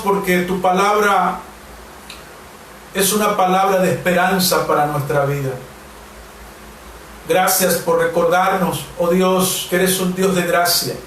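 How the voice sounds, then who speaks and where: A man in his forties from Mexico, a pastor preaching a devotional and then leading prayer, with slow, emphatic repetitions. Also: high voice, a bit bright. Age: 40s. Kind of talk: sermon and prayer. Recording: very echoey room, distant mic, faint hiss.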